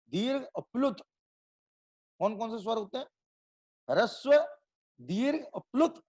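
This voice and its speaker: A man's voice: high voice, darkish tone. A man teaching a group class as a religious teacher, explaining recitation step by step, asking questions and answering them himself.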